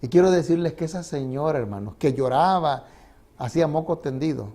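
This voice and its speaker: Male pastor, church sermon, emphatic delivery that swells and drops, fairly high pitch. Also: fairly quick, mellow. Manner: emphatic, rising and falling delivery.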